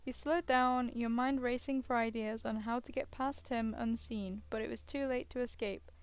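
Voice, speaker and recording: A woman gaming streamer reads a visual novel aloud, sounding tired and yawning as she casually breaks off into hesitant asides and interrupts herself. Her voice is on the high side and smooth, with no room sound.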